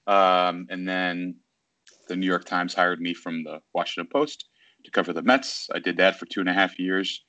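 In a casual video-call interview from his city apartment, a baseball journalist from Virginia, a man in his thirties, rambles along with many fillers and often corrects himself mid-sentence. His low voice is steady and sharp in tone, at normal speed. There's no room sound, though the recording is muffled.

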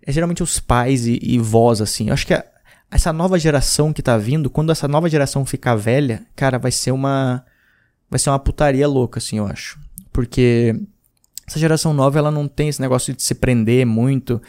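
With a medium-pitched, slightly mellow voice and a fairly quick pace, a Brazilian man in his thirties hosts a podcast. He reads listener messages and chats informally, rambling with slang and restarts.

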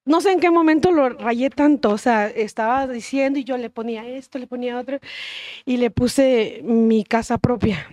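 A woman's voice: on the high side, normal speed, darkish tone, no echo. A woman giving a testimony at church, chatty and acting out dialogue. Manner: chatty, acts out dialogue, laughs.

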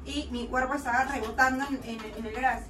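A young woman telling a story in casual chat, animated and laughing as she acts out voices. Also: high voice, fairly quick. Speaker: podcast co-host. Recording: roomy, distant mic with noise.

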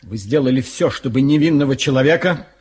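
An actor playing a gruff police inspector in a radio play, official and blustering in manner. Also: male voice, mid-range voice, fairly quick, a little mellow, close to an everyday voice. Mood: stern, indignant. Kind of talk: theatrical radio-play dialogue.

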